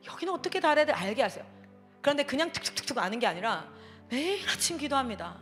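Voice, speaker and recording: Soft music plays behind this high-voiced woman, who speaks at a quick pace. As a missionary addressing a church parenting seminar, she tells her stories emphatically and with lively exclamations throughout.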